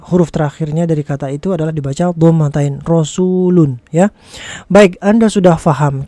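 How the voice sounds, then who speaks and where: Indonesian reading tutor, mellow timbre, dry sound; deliberate, repetitive lesson delivery with drawn-out, clearly enunciated examples. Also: mid-range voice, no echo. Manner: frequent check-in tags after statements. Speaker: Quran reading teacher. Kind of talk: tutorial lesson addressed to viewers.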